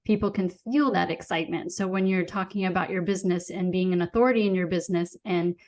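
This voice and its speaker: A woman hosts a podcast interview and keeps the talk conversational, affirming her guest's points. Her voice sits a little low for a woman. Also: steady tone, fast, darkish tone. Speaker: podcast host.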